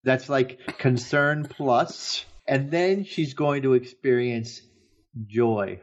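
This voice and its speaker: A man's voice: medium pitch, takes it slowly. Dry mock-serious man, dull recording. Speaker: podcast co-host. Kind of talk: comedic podcast banter.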